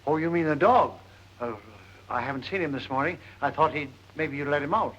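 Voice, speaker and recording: A man's voice: a little high, a little fast, fairly bright tone. A man playing a worried, placating older uncle in a 1940s comedy film. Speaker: actor in a screwball comedy film. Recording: muffled, noisy, clicking old film soundtrack.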